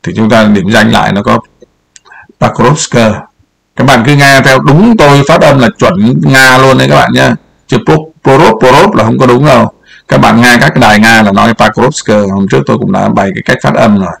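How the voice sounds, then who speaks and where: Older man, gravelly, mid-pitched; talks through a map in a rambling, repetitive commentary. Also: a little fast, fairly bright tone. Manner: rambling, repeats words, points at the map. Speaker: political commentary host. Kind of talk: casual commentary over a map.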